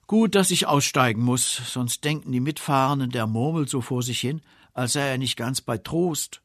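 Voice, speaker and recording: A man giving a scripted spiritual reflection, measured and quietly self-ironic. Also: mid-range voice, no echo, clean studio sound. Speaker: preacher.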